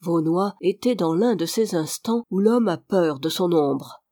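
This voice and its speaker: Audiobook narrator, classic novel, measured delivery, even storytelling tone, mid pitch, dry close mic. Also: no room sound. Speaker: audiobook reader.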